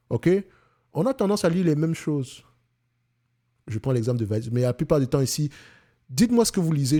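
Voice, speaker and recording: With a warm tone at medium pitch, a Cameroonian French-accented man runs an investing channel. His relaxed yet emphatic monologue is full of restarts and repetition.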